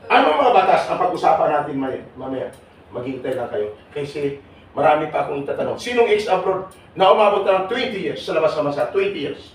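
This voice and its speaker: A man leading a seminar for overseas workers, teasing and questioning the audience in a lively way. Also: fairly high pitch, fairly quick. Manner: teasing, jokey, calls on audience members. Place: large hall with audience. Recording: echoey hall, voice from far off, noisy.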